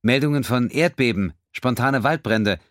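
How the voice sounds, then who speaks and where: A man's voice: mid-range voice, normal speed, fairly bright tone, no room sound, clean studio sound, pitched above the performer's own voice, natural voice. A man voicing a male alien communications officer relaying distress calls in an audiobook. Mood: focused. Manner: careful, reporting.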